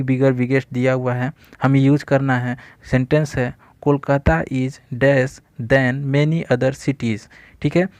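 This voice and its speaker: A man explaining English grammar quiz answers in a steady teaching manner, often checking in with "theek hai.". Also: mid-range voice, no echo. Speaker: exam-prep teacher.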